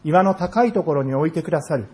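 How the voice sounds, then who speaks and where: A male pastor delivers a sermon in an earnest, measured way. His voice sits a little high for a man, and he leans into slow, emphatic phrases. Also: expressive, warm tone. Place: church sanctuary.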